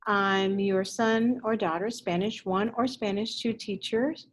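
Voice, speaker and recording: A woman teacher in her fifties, originally from Puerto Rico, talks to parents in a recorded introduction from her classroom. She speaks in a chatty, friendly way, with plenty of fillers and small restarts. Her voice sits at an ordinary middle pitch, recorded on a laptop mic in the room. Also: steady tone, unhurried, rough recording. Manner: chatty, warm-hearted rambling with fillers. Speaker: Spanish teacher.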